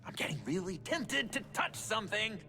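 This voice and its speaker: An actor playing a playful, mischievous young man with a gravelly voice and giggly, swooping delivery in a video game. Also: high-pitched, big pitch swings, normal speed, heavily acted. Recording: game audio with music behind.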